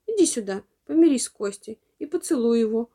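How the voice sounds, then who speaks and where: A woman's voice: on the high side, lively intonation, brisk, dark tone. Woman reading a kindly neighbor lady. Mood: gently scolding. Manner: kindly scolding. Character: gentle middle-aged woman neighbor.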